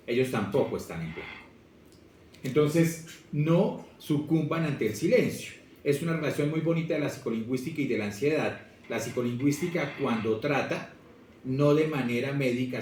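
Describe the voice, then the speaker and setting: A man, a language teacher giving a lively, expressive lecture straight to his students. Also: medium pitch, a little hiss or hum. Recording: echoey room, voice from far off.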